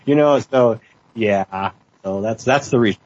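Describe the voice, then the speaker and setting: A man chatting casually on a radio show over an internet call, rambling and halting with many restarts, his voice heavily compressed and pumping. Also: fairly low pitch, a little mellow. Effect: heavily compressed, pumping call audio. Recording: dull, muffled call line with faint noise.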